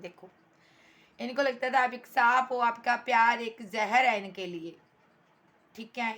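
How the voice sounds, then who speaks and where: A tarot reader with a mid-range, slightly bright voice does a reading for her viewers. She is blunt and emphatic, scolds the absent partner, and calls the listener "bhai" and "darling".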